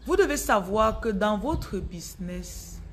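Lively woman with a Cameroonian French accent. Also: medium pitch, unhurried, slight background noise. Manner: lively and direct, repeating words for emphasis. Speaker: business and spiritual coach. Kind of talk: casual live-stream talk to followers.

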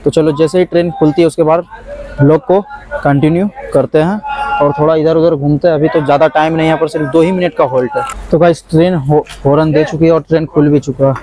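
A young man with a fairly high voice narrates his own train journey, chatting casually to his viewers. He holds an action camera close as he moves through the coach and along the platforms. Clear train and station noise sits under his voice the whole time. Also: steady tone, fast, mellow. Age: young adult. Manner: chatty, addresses viewers as guys. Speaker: travel vlogger. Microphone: action camera held close. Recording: noisy handheld train recording.

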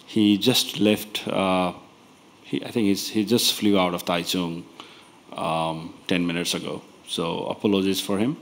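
A man chairing a conference members meeting from a panel table, speaking in an unhurried, informal way. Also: sits low, steady tone, vocal fry.

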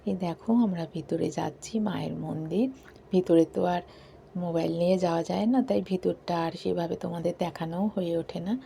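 A middle-aged woman recording a soft, hushed voice-over for her vlog from a balcony late at night, talking quietly while others sleep. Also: on the low side, steady tone, normal speed, gravelly, a little hiss or hum. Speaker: vlogger. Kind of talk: softly spoken voice-over narration.

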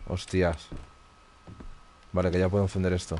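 A man's voice: low voice, flat delivery, moderate pace, a little mellow, a little hiss or hum. A man with a Spain Spanish accent streaming live horror gameplay commentary, tense and muttering, swearing often.

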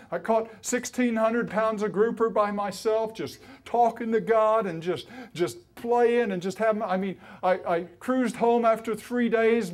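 A man in his fifties from the US East Coast, telling his life story as a conference speaker. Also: high-pitched. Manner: storytelling, grows loud and excited, often laughing. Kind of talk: preaching testimony. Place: conference hall.

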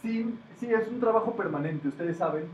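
A man teaches a classroom group, explaining ideas and putting questions to his listeners. His voice sits a little high for a man. The recording is taken from a distance in an echoey room, sounding dull with a faint hiss. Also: expressive, moderate pace, darkish tone. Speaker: metaphysics teacher. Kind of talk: classroom talk to students.

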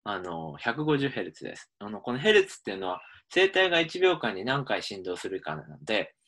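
Man explaining with a lively, varied pitch. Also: fairly quick, vocal fry. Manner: explanatory, frequent "um" fillers. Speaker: university linguistics lecturer. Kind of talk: recorded lecture.

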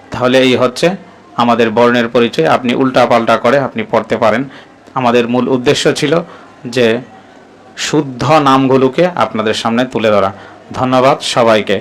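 Patient male teacher, Bangladeshi accent, mid-pitched voice, methodical letter-by-letter delivery. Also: poor audio. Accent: Bangladeshi Bengali. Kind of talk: explaining lesson to parents.

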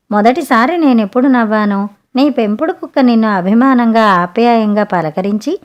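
A woman voicing a clever, sharp-tongued young sea maiden in a spoken storybook, talking frankly and chidingly. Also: fairly high pitch, natural voice.

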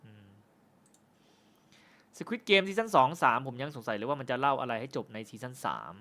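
A man hosting a film review channel, chatting casually with viewers on a live stream. He jokes, swears freely, and says he stumbles and stutters when he talks fast. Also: mid-range voice, very animated, pushed and bright. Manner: loose and joking, with frequent swearing.

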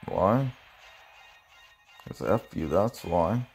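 A young man muttering frustrated commentary while pulling in a mobile game, grumbling with sudden yelled outbursts. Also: deep voice, animated, very slow, creaky, soft background music. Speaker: gamer. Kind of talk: casual gacha pull commentary.

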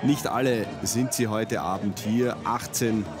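A man's voice: fairly low pitch, steady tone, unhurried, a loud crowd. A man commentating live at a ski event, reeling off race statistics in an informative way. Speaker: sports commentator.

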